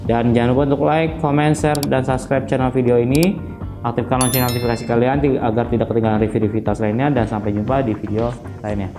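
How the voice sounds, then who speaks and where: A man's voice: medium pitch, fairly even intonation, fast talker. Chatty man reviewing a bag. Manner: chatty, slangy, thinks aloud with fillers. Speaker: product reviewer. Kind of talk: casual product review. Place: studio with dark curtain, seated at table. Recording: voice over clear guitar music. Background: background guitar music.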